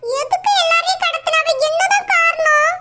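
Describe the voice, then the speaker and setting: A woman's voice: extremely high pitch, fairly even intonation, normal speed, heavy background noise. A woman voicing an anxious young wife who fires off worried questions.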